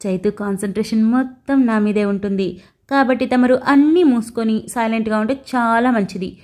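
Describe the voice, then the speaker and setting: A woman doing a gentle young mother. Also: on the high side, brisk, lightly acted. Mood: affectionate. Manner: affectionate, teasing.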